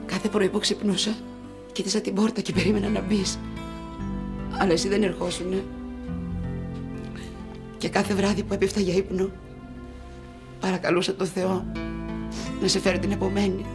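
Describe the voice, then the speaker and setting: A woman's voice: medium pitch, flat delivery, over music, lightly acted. An actress playing a yearning devoted woman. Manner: slow, yearning, heartfelt. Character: devoted woman who waited and prayed for his return. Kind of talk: TV soap drama acting.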